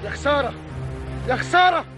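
A proud, scolding older brother rebukes quickly and forcefully. His voice is very high and pressed. Music runs under the scene. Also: lively intonation. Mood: angry. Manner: scolding, indignant. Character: angry older brother Salem, stern and proud. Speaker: actor. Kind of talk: TV drama acting. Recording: drama audio with music underneath.

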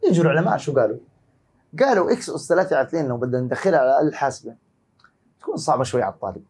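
Jordanian guy teaching math online, quick and a bit husky, talks fondly to students and quizzes himself. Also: mid-range voice, animated, a little mellow. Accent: Jordanian Arabic. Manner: affectionate, asks and answers his own questions. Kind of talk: online exam-prep math lesson.

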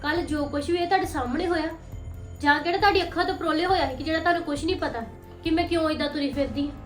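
In a family drama, an actress plays a young wife who is aggrieved with her drinking husband, pleading indignantly in a high, very fast, fairly ordinary-sounding voice. The room echoes, and music runs beneath her.

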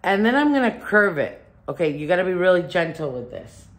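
Speaking fairly quickly in a lowish, sing-song voice, a woman chats and thinks aloud during a casual decorating demo. She's a home decor vlogger filming inside her furnished living room.

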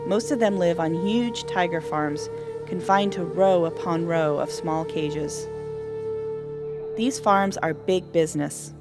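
A woman reading scripted nature documentary narration with a measured, earnest delivery. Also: fairly low pitch. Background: music.

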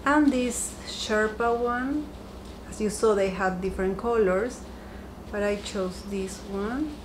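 A chatty decor vlogger talks through her recent buys from a seat by her dining room window, upbeat and softly lingering on each one. Her medium-pitched voice moves at a slow pace against a noisy background.

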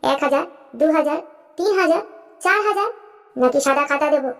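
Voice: sits high, a little fast. Someone voicing a scornful rich cartoon father. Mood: bargaining. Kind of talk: cartoon voice acting.

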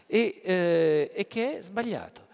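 Halting man in a reverberant hall. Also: sits high, expressive, gravelly. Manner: halting, with many "eh" fillers. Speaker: journalist speaking on a panel. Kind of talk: public panel talk. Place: hall at a live public event. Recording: long reverb of a conference hall.

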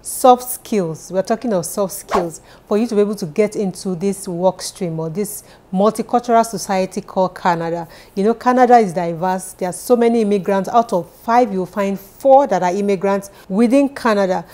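A woman from Nigeria in her thirties, speaking with a Nigerian accent, records an advice vlog for immigrants from her living room sofa, addressing the camera directly. Her warm, mid-range voice moves at a normal speed with hardly any pauses, earnest and encouraging, repeating key points. A little hiss or hum is audible.

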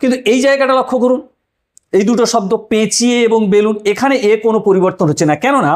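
High-voiced man teaching a language lesson. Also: darkish tone. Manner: rhetorical questions, repeats examples slowly. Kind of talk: explanatory lecture.

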